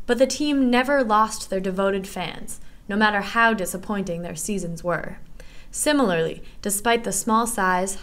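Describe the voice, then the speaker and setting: A young woman narrating her student essay in a measured, earnest reading voice. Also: mid-range voice, fairly bright tone. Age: young adult.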